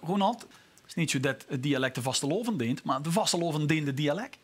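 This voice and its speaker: A man's voice: a little high, lively intonation, quick pace, husky. A man with a Limburg accent hosting a moderated discussion. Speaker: panel host.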